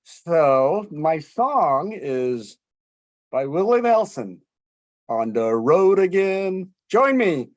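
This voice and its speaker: A man's voice: a little high, big pitch swings, extremely slow, no echo. A man introducing himself in an upbeat, conversational way on a video call for a community advisory group.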